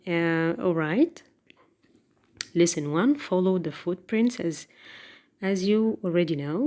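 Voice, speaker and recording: A woman's voice: on the low side, warm tone. A woman teaching an English vocabulary lesson, hesitant and full of fillers, repeating each new word. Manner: slow, halting, many fillers, repeats words.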